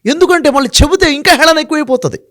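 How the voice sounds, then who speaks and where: A man's voice: very high-pitched, rapid-fire, a bit bright. A man speaking as an interview guest, making emphatic points one by one and putting rhetorical questions to the host. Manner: emphatic, works through numbered points. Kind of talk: explaining in a sit-down interview.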